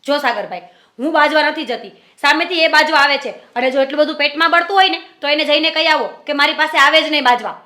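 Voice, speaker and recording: A woman playing a sharp-tongued sister-in-law. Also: high-pitched, fast. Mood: defensive. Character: touchy sister-in-law quarrelling with a neighbour. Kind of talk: family drama acting. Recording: roomy echo.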